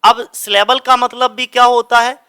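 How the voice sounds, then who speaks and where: Young guy teaching english lit, high bright voice, keeps quizzing himself. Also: level tone, normal speed, gravelly, clean tone. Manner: explanatory, asks and answers own questions. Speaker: English literature coaching teacher. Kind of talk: classroom explanation of grammar.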